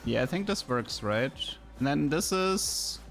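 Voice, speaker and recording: A man's voice: fairly high pitch, animated, unhurried, creaky. A man from Germany speaking English with a German accent, casually chatting and thinking aloud as he streams a game, often repeating words. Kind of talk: casual live gameplay commentary and chat. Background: music.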